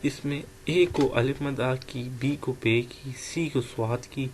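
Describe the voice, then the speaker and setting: A man gives a recorded language lesson, walking through letters and tones one at a time. His pitch sits in an ordinary middle range. A faint hiss runs under the recording. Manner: slow, explanatory, spells out letters one by one. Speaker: language teacher. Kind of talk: online lecture.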